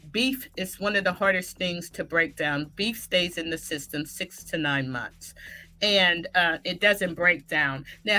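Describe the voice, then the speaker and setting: Energetic female fitness guest, bright tone, chatty and quick to self-correct. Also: medium pitch. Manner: energetic, talks through restarts and self-corrections. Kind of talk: casual interview talk.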